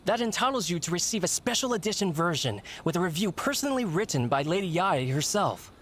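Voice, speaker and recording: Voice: medium pitch, sing-song, a little fast, fairly bright tone, slight background noise. An actor voicing a courteous female bookstore clerk in a video game, with a polite, upbeat customer-service manner. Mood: helpful, delighted.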